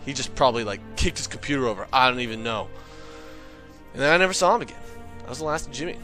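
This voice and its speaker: A man telling a comedic rant story, excitable, profane and boastful. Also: medium pitch, fast talker, faint music behind.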